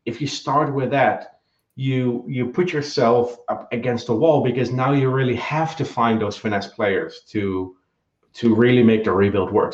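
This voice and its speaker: A man giving his opinions in a casual podcast chat, often hesitating with ums and restarting his sentences. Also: medium pitch. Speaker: guest analyst. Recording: echoey, dull lo-fi remote audio.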